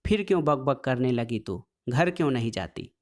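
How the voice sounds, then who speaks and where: A man's voice: medium pitch, very animated, normal speed, darkish tone. A man voicing a restrained but firm village farmer, read from a storybook. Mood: stern restraint.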